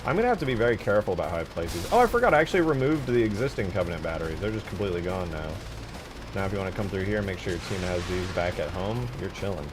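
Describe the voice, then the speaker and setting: Against background noise, a streamer making video game mods talks rapid-fire in a low voice with lively intonation. He's casual and relaxed, dropping slang and swear words.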